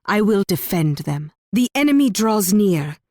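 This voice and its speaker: A proud Spanish queen at war for a video game. She speaks with regal, measured authority and slips into teasing, coaxing flirtation. Her voice sits at a medium pitch in a dry, studio-like sound. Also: big pitch swings, a little mellow, dry recording. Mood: proud, resolute.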